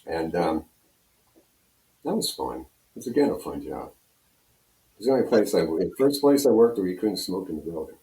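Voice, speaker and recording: As an interview guest, an older man from Pennsylvania, a radio program director and on-air personality, recalls old stories in a relaxed, rambling manner. His dark, low-pitched voice swings widely in pitch at a moderate pace, broken by long pauses. Room echo fills the recording.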